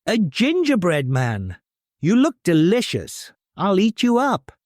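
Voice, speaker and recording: A man's voice: high-pitched, huge pitch swings, slow, dry recording, studio quality, voice pushed up, exaggerated voice. A man voicing a curious, hungry male horse in a children's fairy tale, whinnying and exclaiming. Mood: eager, hungry.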